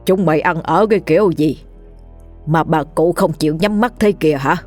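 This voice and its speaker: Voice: medium pitch, normal speed, darkish tone, faint music behind, lightly acted. A storyteller voicing a stern older village man who scolds the couple for neglecting the old woman. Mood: reproachful. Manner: reproachful, demanding.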